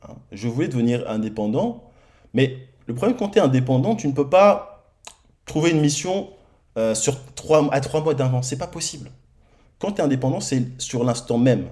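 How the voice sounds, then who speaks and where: A man preaching in church, telling his own testimony in a lively storytelling manner and acting out the dialogue. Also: mid-range voice, normal speed. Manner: lively storytelling, acts out dialogue, many repeated starts. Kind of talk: sermon testimony. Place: church hall.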